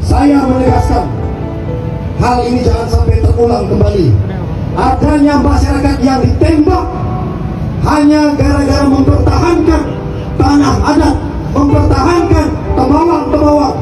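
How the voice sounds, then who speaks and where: A man from Kalimantan, Indonesia, giving fiery revolutionary oratory as a protest leader, impassioned and forceful, throwing rhetorical questions at the crowd. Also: very high voice, steady tone, moderate pace, far from the mic. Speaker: protest leader, activist speaker. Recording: echoey loudspeaker from afar, loud music, crowd. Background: loud music and crowd noise.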